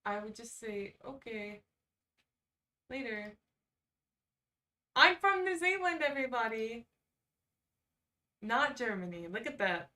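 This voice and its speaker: Recorded from afar, a woman with a fairly high, expressive voice speaks at a slow pace with long pauses, her delivery pushed and bright. She's a livestream host chatting informally, reading quizzes, and reacting with sarcastic quips.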